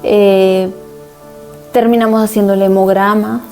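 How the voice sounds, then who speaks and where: A woman pastor delivers a sermon as a personal testimony, recounting events earnestly and in storytelling fashion. Her voice is mellow and warm, sitting at a middle pitch, with soft music playing faintly behind her. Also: level tone, measured pace.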